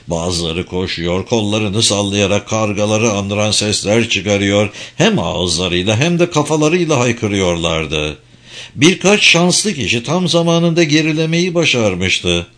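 A man reading a dark novel aloud as an audiobook narrator, with expressive delivery. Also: fairly low pitch.

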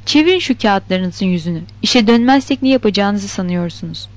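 A woman's voice: mid-range voice, animated, fairly quick, darkish tone, no room sound, lightly acted. A woman reading the lines of a tough male strike leader in a novel, blunt and defiant. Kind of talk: scripted narration of a novel. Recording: dull lo-fi recording.

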